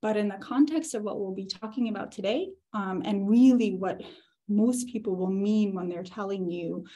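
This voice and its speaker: A woman, giving a relaxed workshop talk with frequent fillers and restarts. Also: mid-range voice, moderate pace. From Ukraine. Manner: easygoing, explains with fillers and restarts. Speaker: workshop presenter. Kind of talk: conversational presentation.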